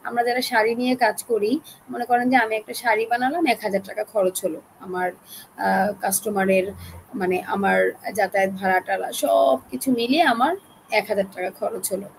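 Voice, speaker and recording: A woman with a Bangladeshi accent teaching an online class, chatty and coaxing, keeping her voice soft to spare her throat. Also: medium pitch, fairly even intonation, moderate pace, gravelly, a little hiss or hum, poor audio. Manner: chatty, coaxing, talks straight to learners.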